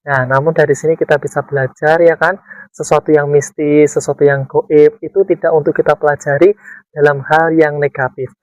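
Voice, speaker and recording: A man's voice: on the high side, level tone, normal speed, dry recording, poor audio. A man hosting a casual vlog, explaining things and checking for agreement. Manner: explanatory, seeking agreement with tag questions. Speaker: paranormal vlog host. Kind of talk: casual vlog talk to viewers.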